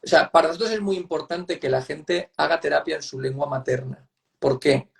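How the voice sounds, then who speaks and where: In an online interview, a Spanish-accented man speaking as a psychotherapist talks fairly quickly in a gravelly voice on the high side. He stresses his points, repeats them and keeps checking for agreement with tag questions.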